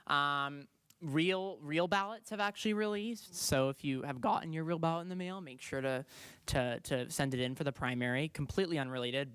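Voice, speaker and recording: A young man, a student trustee, giving a casual, halting report at a school board meeting, with many fillers. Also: on the high side, sharp tone, clear, resonant tone, no room sound.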